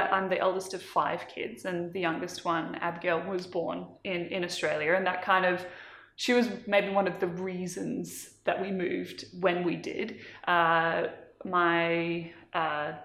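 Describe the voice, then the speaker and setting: A woman's voice: lowish voice, steady tone, measured pace, fairly bright tone, reverberant. A woman in her twenties, born in Malawi, chatting as an interview guest in a casual, self-deprecating way. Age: 20s.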